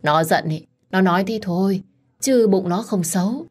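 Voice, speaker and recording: A woman voicing a gruff but kind older mother-in-law who scolds and soothes. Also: medium pitch, moderate pace, darkish tone, close to an everyday voice. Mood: gruff, soothing.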